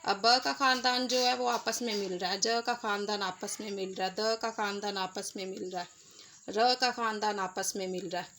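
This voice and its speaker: A woman with a mid-range, fairly bright voice teaches Urdu letters step by step, patiently sounding out each one with its vowels. Her intonation stays fairly even and her pace moderate in this slow lesson, with slight background noise.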